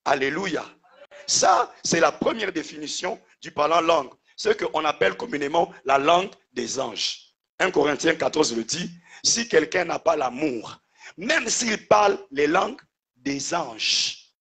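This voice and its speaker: A man's voice: a little high, expressive, measured pace, fairly bright tone, husky. A man preaching a sermon as a pastor, calling out to the congregation and having them repeat after him. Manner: preacher calling out "Alléluia" and "Amen", call-and-response with the congregation.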